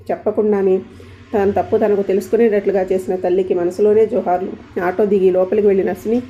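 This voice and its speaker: A woman narrating a story in a calm, steady storytelling manner. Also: medium pitch. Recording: dull lo-fi recording.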